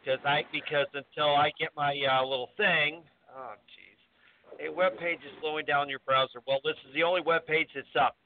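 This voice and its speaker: A man hosts casual talk radio in a halting, meandering way. His voice is slightly high, and the audio is thin and phone-like. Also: steady tone. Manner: halting, meandering, repeats himself. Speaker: radio show host. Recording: tinny phone-like narrowband audio.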